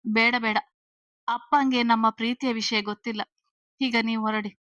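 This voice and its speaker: A woman's voice: on the high side, steady tone, fairly bright tone, no echo, studio quality, close to an everyday voice. A woman voicing a flustered young woman. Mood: anxious. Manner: hurried, stammering. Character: nervous young woman hiding her boyfriend, flustered.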